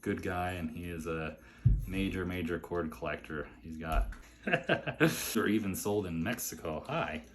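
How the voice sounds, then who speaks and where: A man's voice: low-pitched, unhurried, a little hiss or hum. A man casually unboxing and admiring a collection, chatting along and talking to his pet between items. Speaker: collector showing a mail delivery.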